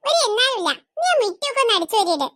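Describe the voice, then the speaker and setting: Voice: extremely high pitch, very animated, very fast, pushed and bright, dry recording, studio quality, heavily acted. A performer voicing a kind but firm woman who runs the household, in a cartoon. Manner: firm, motherly. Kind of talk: cartoon voice acting.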